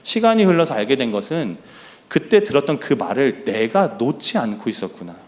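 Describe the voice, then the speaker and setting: A middle-aged man preaches a sermon in an earnest, storytelling way. His pitch is medium, and his voice rises and falls a great deal. He acts out quoted lines softly as he talks. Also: big pitch swings, brisk. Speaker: pastor.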